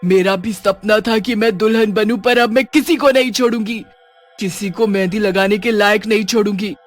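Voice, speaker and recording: A woman voicing a bitter, vengeful female witch in an animated horror story, menacing and cruel. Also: medium pitch, normal speed, lightly acted. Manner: menacing, then wailing in pain. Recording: faint music underneath.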